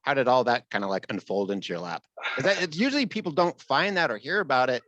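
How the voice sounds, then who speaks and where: A man's voice: medium pitch, big pitch swings, fast, fairly bright tone, no echo. A man, hosting a casual podcast interview and chiming in with easy, affirming remarks. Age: 50s. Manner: easygoing, affirming with frequent "right, right". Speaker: podcast host.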